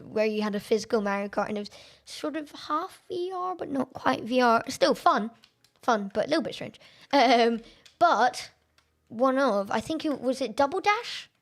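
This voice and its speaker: Woman streamer, live gameplay commentary, chatty, self-deprecating, fairly high-pitched. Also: creaky.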